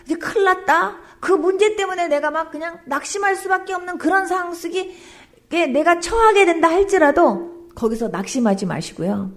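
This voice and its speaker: A woman's voice: very high-pitched, animated, normal speed, faint music behind. A woman pastor giving an emotional testimony sermon, telling her story with exclamations and dropping at times to a whisper.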